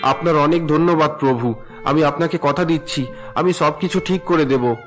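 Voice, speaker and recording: A man voices a drunken cartoon husband in a fairly high voice, gruff and demanding toward his wife one moment and desperately pleading with God the next as the bully turns repentant. The performance is lightly acted at a moderate pace, with music playing softly behind him.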